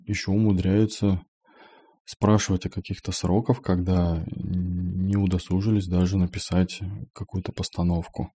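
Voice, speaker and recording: A man's voice: low-pitched, mellow, slightly rough. A man, an IT developer, talking through his work experience in a plain-spoken monologue, thinking aloud. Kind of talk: casual monologue.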